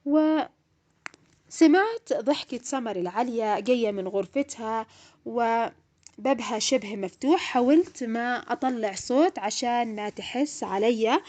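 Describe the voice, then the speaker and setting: A woman's voice: fairly high pitch, animated, a little slow, a little mellow. A young woman narrating her own painful story in the first person, in an emotional, plaintive way. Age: young adult.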